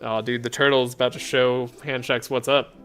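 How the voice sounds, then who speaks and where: A man streaming a card game, talking in a soft, relaxed, sleepy way with frequent chuckles. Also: medium pitch, normal speed, faint music behind. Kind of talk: relaxed gameplay commentary.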